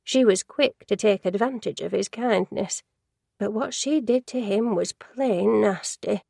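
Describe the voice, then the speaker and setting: Sounding indignant, a woman performs a rambling, easily distracted, gossipy and judgmental older office worker in a storybook reading. Her mid-range, darkish voice is a little slow, with vocal fry and a breathy edge, and the studio-quality recording has no echo.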